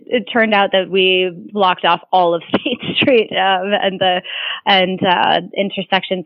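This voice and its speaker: A woman's voice: mid-range voice, no echo. A woman climate activist giving casual, earnest interview answers, rambling a little with restarts. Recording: tinny phone-like line.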